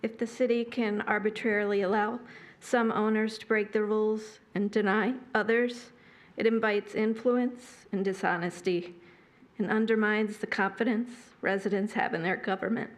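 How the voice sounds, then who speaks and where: A woman's voice: mid-range voice, little pitch movement, moderate pace. A woman speaking as a resident during public comment at a city meeting, firm and principled, delivering a prepared statement.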